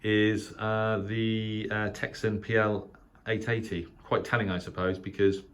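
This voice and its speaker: Speaking unhurriedly in a fairly low, flat voice with a fairly bright tone, this middle-aged Englishman shows viewers around his spare-bedroom radio shack. As a shortwave hobbyist and channel host, he narrates casually and without a script, often hesitating and wandering off topic. The room recording has clear noise.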